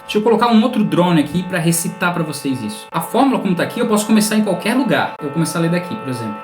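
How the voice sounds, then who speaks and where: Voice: mid-range voice, very animated, racing, a little mellow. A music teacher with a Brazilian Portuguese accent, methodically explaining music theory straight to the viewer. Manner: patient, methodical, speaks directly to the viewer. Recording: roomy sound with a faint instrumental drone.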